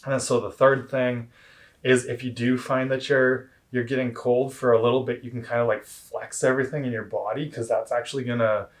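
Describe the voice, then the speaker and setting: Man coaching casually, in a halting way. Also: mid-range voice, level tone. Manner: halting, hedging with "kind of" and "like". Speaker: cold plunge coach. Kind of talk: casual instructional explaining.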